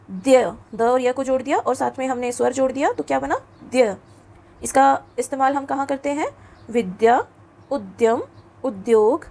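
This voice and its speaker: A woman with a high, light voice teaches schoolchildren in a patient, coaxing way. She keeps checking in with questions, mixes English words into her speech and slows down to pronounce each letter clearly. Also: darkish tone. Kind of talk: classroom lesson for children.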